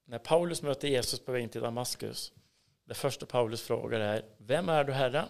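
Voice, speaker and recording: Gravelly Swedish man giving earnest testimony. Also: medium pitch. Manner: earnest, swings between hushed whispers and emphatic bursts. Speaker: interview guest. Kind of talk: personal testimony in a casual interview.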